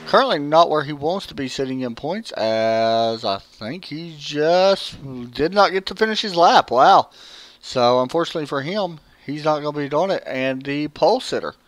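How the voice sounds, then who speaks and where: Chatting casually with frequent fillers, a Southern US man commentates a live sim race and questions the drivers. His voice is slightly high, and there's no room sound.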